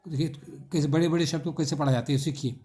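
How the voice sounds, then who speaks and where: Man, teacher, middle-aged, mellow tone, patient letter-by-letter spelling. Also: on the high side, fairly even intonation, fast talker. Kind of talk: explaining an English textbook exercise.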